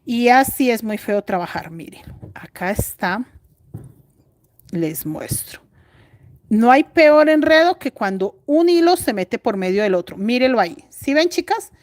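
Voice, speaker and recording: High-voiced Colombian woman teaching crochet. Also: very animated, unhurried. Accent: Colombian Spanish. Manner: chatty and confiding, thinking aloud while stitching. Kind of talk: live-stream craft tutorial.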